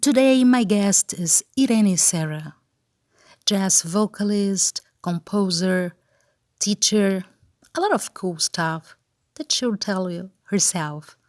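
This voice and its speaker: A woman hosting a podcast, reading a scripted introduction with clear, upbeat delivery and then asking interview questions. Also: mid-range voice, expressive, slow pace, darkish tone.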